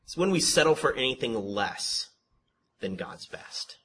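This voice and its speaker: Over slight background noise, a man teaches a Bible study in a conversational sermon style, his mid-range voice running a little slow. He restarts words, repeats himself, asks rhetorical questions, and refers to his own voice as monotone.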